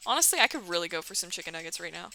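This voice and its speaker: Woman let's play host reading a game with playful sarcasm; bright, high-ish voice, light music underneath. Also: very animated, rapid-fire, creaky. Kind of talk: reading a game aloud with commentary.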